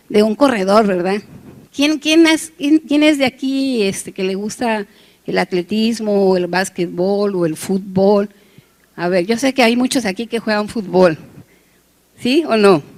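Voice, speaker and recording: A woman preaching to a congregation. She talks conversationally, jokes between scripture points and keeps checking in with "right?" and "yes?". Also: a little high. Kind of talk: sermon.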